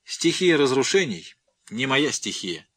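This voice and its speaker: A man's voice: sing-song, a little slow, a bit bright, husky, full character voice. A man voicing a fearless gray-mustached old professor who speaks in a powerful, commanding voice. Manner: booming, commanding, scolding.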